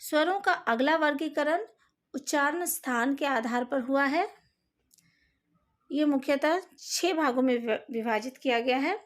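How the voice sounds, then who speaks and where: A woman's voice: high voice, unhurried. A woman teaching a recorded lesson, carefully sounding out each vowel and speaking directly to her students. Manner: speaks to students directly, asks them to fix slides. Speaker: Hindi teacher.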